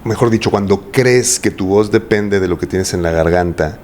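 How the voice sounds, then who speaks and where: A voice coach guest with a Mexican Spanish accent talks at length in a casual interview, often asking rhetorical questions. His voice is fairly low and darkish, at normal speed, with a little hiss or hum.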